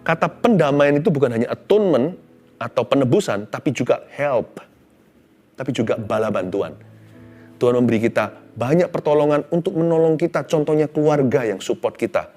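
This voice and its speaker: Man, middle-aged, pastor, sermon, storytelling, very expressive pitch, faint music behind. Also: fairly quick. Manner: animated storytelling, mixing in English phrases; swings between loud exclamations and hushed tones.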